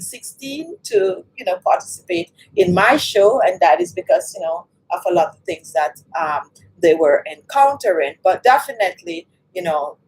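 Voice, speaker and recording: Reading her viewers' comments aloud, a Jamaican woman hosts a live beauty stream in a husky voice on the high side, chatty and speaking right to the chat. The audio is poor.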